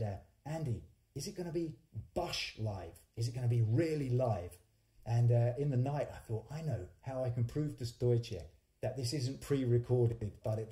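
Hosting from a small home studio indoors, a mellow, mid-range man in his forties tells stories casually between songs, often restarting his hesitant conversational sentences. The singer-songwriter speaks into a studio condenser microphone on a stand, and the livestream has a roomy, echoing sound.

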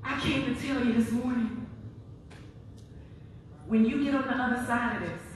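Woman pastor preaching, animated, high-pitched voice, long echoey church hall, distant mic. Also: normal speed, slight background noise. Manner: animated preaching that rises to high, loud exclamations with laughter. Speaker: guest pastor. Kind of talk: sermon. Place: large church sanctuary.

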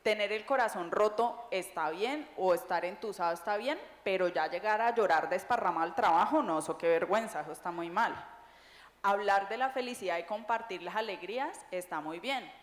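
A woman, an author speaking on a public panel in a lively, joking, conversational way. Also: on the low side, moderate pace. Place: large echoey library hall. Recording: echoey hall with long reverb.

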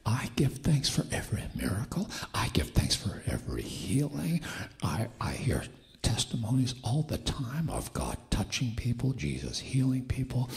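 Man preaching in a gravelly whisper. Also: mid-range voice. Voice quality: impaired whispery voice. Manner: emphatic, building fervor. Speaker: guest preacher. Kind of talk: sermon. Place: church sanctuary.

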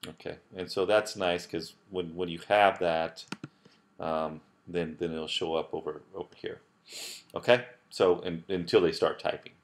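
A man with a very deep voice walks through a coding screencast at his desk. He talks casually and loosely, with lots of "okay" and "you know", and often starts sentences over. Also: steady tone, a little slow. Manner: casual, many fillers and restarts. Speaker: professor teaching app building. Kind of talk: screencast tutorial.

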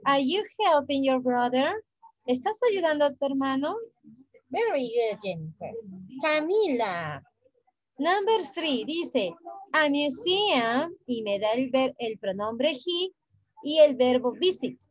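A woman teaching an English class in a high voice at an unhurried pace. She goes over each phrase in English and then again in Spanish, and she patiently calls on students by name. The sound is dry, with almost no room echo. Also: sing-song.

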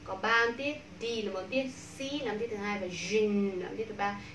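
A Vietnamese woman teaching English pronunciation to a class, drawing out model words slowly and repeating them. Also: medium pitch, steady tone, fairly bright tone, recorded from a distance. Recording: echoey room, voice from off mic, faint background hum.

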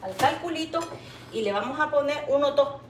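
A woman with a Salvadoran accent, cooking at home and chatting with her live viewers, teasing and animated and full of pet names. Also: sits high, normal speed, far from the mic, slight background noise. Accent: Salvadoran Spanish. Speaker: cooking vlogger. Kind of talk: casual live cooking chat. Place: home kitchen. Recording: roomy kitchen, voice off-mic.

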